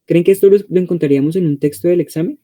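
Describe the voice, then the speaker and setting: A man's voice: fairly high pitch, very fast, dark tone. A man with a Colombian accent teaching an online exam-prep class in a conversational way, often checking in with his students. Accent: Colombian Spanish. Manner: conversational, frequent check-in questions.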